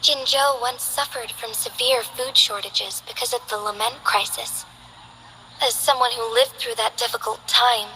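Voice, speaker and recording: In game character voice lines, a woman plays a young female city magistrate who is formal and earnest, speaking politely and with measured care. Her tone is high-pitched and sharp, and the low-quality recording carries a slight hiss or hum.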